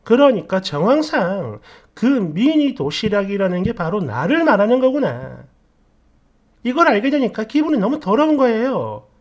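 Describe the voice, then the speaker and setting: A man's voice: high voice, big pitch swings, moderate pace. A man narrating a reader's story and adding blunt, sarcastic commentary.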